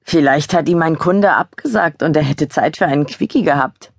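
A woman's voice: low-pitched, moderate pace, gravelly, breathy edge, dry recording, studio quality, heavily acted. A woman voicing a camp, theatrical young male gallery colleague who teases and mocks with a laugh in his voice. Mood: teasing.

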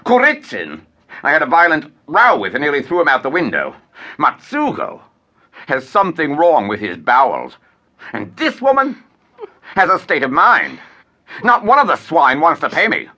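A man's voice: a little high, huge pitch swings, normal speed, pushed and bright, full character voice. A man playing a blustering angry landowner. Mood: ranting. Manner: blustering, ranting, theatrical outbursts. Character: irate middle-aged male landowner creditor, blustering. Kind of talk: stage play acting.

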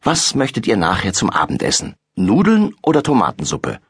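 A man voicing a patient father who speaks calmly and comfortingly in a children's audiobook. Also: on the low side, normal speed, slightly rough, dry recording, studio quality, full character voice. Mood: asking. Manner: calm and comforting.

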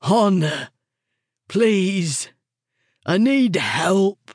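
Gruff desperate ex-cop, voiced by a woman narrator, dry close audiobook read. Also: sits low, moderate pace, no echo. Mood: pleading. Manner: pleading, swearing.

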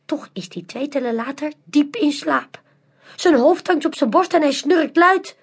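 Lively woman reading a children's story. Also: high voice, unhurried. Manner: expressive, animated, carefully paced. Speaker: audiobook narrator.

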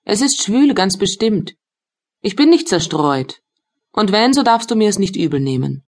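A woman's voice: medium pitch, very animated, normal speed. A woman voicing a tired, distracted young man in an audiobook, speaking curtly and absently with a faintly plaintive tone. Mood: defensive. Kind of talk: audiobook dialogue reading.

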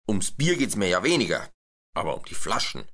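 A man's voice: lowish voice, sing-song, fairly quick, pushed and bright, husky, exaggerated voice. A man voicing a grumpy, fussy male brewery master in a children's story. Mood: indignant. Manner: fussy, indignant.

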